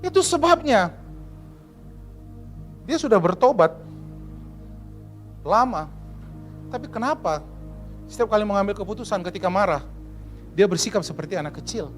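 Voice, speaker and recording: A man, a pastor giving a lively sermon in church and asking the congregation questions. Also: high-pitched, normal speed, pauses often, faint music behind. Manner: lively preaching, asks the congregation questions, mixes in English.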